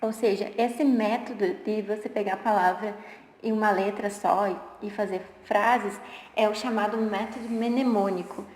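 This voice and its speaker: In a conversational way full of restarts and fillers, a woman in her twenties who teaches geography explains how she learned the language for her exams and promotes her study approach. She speaks at a moderate pace in a steady, mid-range, slightly mellow voice, with a roomy echo and long reverb around her.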